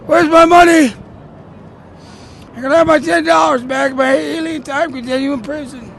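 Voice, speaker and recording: A man's voice: very high-pitched, steady tone, moderate pace, gravelly, fairly bright tone. A man on a busy city street, talking in a rambling, incoherent and combative way. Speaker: passerby. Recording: street noise behind.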